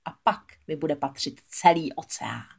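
A woman voicing a gloating female sea witch who speaks slowly and croaks triumphantly. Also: low-pitched, a little mellow, voice pushed down, full character voice. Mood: scheming.

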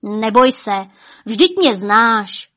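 A proud young king from a spoken fairy tale, bold and defiant, as a woman storyteller puts him on. He talks slowly and loudly, each line drawn out like a proclamation. The voice sits a little higher than her narration. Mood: reassuring. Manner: slow, loud, proclaiming.

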